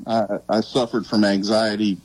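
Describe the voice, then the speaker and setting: A man talking casually on a sports show in an earnest, halting, reflective way. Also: on the low side, level tone, husky, rough recording.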